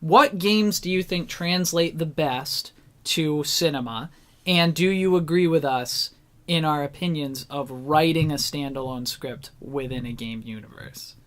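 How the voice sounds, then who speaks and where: A co-host on a casual discussion show speaks informally, voicing firm opinions and swearing mildly. The voice is mid-range, a little slow, and a bit bright.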